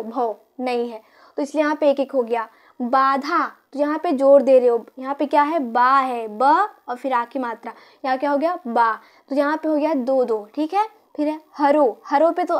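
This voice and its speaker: High-voiced woman teaching, counting aloud. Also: a little mellow. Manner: repeats syllables and counts aloud, asks pupils questions. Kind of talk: board lesson explaining grammar.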